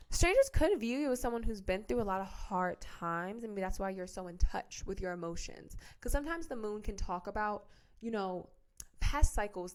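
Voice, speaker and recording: A woman's voice: mid-range voice, smooth. A woman giving a casual tarot reading to camera from home, rambling and chatty, full of fillers and restarts. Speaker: tarot reader.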